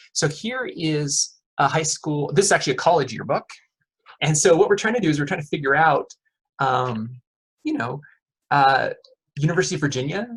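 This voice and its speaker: Here a middle-aged man who teaches economics lectures informally, friendly and talkative, testing the class with questions and leaning on fillers like "okay" and "uh." He speaks at a medium pitch, slightly bright and a touch rough, on a poor-quality recording.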